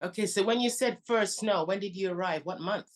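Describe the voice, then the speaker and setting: A woman hosting an interview show, warmly calling her guest honey and hon as she asks questions. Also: medium pitch, a little fast. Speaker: show host.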